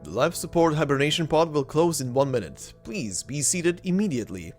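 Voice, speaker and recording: A narrator voicing a gentle automated care system that calmly gives repeated instructions over a distant loudspeaker. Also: medium pitch, fairly quick, soft background music. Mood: calm instructing. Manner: calm, even, repeated instructions. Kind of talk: fan radio play narration.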